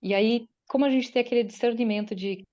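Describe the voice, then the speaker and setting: A woman, a guest speaker and writer, gives a conversational, faith-based motivational talk during an online meeting, often acting out the doubts of her listeners. Her voice is fairly high in pitch with a dark tone, and she talks fast. The video-call audio sounds muffled.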